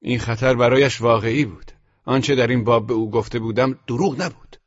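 A man's voice: mid-range voice, no echo, highs cut off. A man reading a novel aloud in the first person, with an intense, brooding delivery. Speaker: audiobook narrator. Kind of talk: first-person literary narration.

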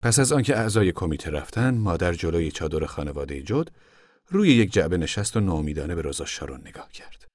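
Low-voiced man narrating a novel. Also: big pitch swings, a little mellow, no echo, studio quality. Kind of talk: audiobook narration.

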